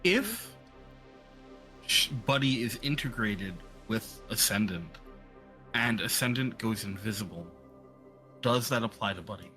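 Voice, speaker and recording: A player chats casually during a tabletop game. The voice is bright and sharp, with lively swings in pitch. Light music plays underneath. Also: measured pace, long pauses.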